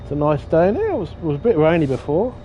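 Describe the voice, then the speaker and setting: A fast-talking man with a fairly high, warm voice swings widely in pitch as he plays a train driving game. He's a streamer whose casual commentary rambles, jokes at himself and includes mild swearing, all on dull lo-fi audio with faint game noise.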